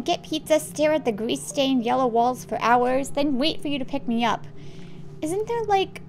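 A woman's voice: high voice, voice pushed up. A woman voicing a whiny bored boy. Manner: whiny, complaining.

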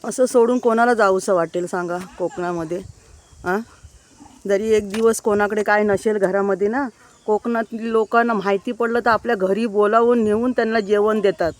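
A woman's voice: mid-range voice, fairly even intonation, normal speed. A married woman vlogging outdoors among village gardens, chatting to viewers as she films on her phone and keeps pointing things out. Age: adult, married. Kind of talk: casual walking tour vlog.

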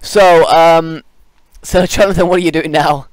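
A man narrating a tabletop game as game master, improvising haltingly and often repeating words. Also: on the high side, fairly even intonation, no echo, low-quality recording.

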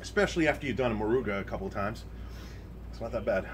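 A man's voice: lowish voice, rapid-fire, far from the mic. A man in his thirties talking casually to camera while his mouth burns from spicy food. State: sweating, mouth burning. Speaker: vlog host doing a hot pepper challenge. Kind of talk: casual vlog talk. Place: small indoor workplace storeroom with shelving. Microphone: camera a few steps away. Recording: echoey room, a little off the mic.

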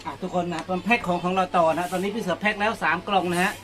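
A man's voice: sits high, fairly even intonation, very fast, fairly bright tone, soft background music. A man, chatting casually while packing orders in front of a coffee shop, tacking polite particles onto every phrase. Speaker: vlogger packing orders for fans. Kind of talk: casual live vlog narration.

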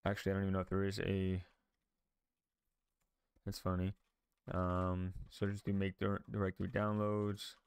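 A man hosting a software tutorial, talking through each step casually, with frequent ums and restarts. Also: sits low, monotone, moderate pace, creaky, long pauses, clear, resonant tone, no echo. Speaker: tech tutorial host. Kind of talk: screen-recorded software tutorial.

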